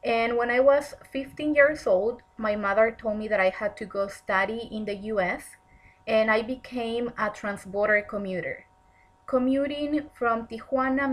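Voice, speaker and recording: This low-quality recording captures a fairly high-pitched woman reading her prepared self-introduction. She's a 30-year-old graduate student from Mexico, a native Spanish speaker, earnest and measured, and she says "um" often.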